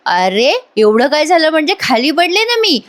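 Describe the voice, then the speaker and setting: A woman's voice: high voice, big pitch swings, normal speed, pitched above the performer's own voice. A woman voicing a feisty defiant young wife. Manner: sharp, defiant.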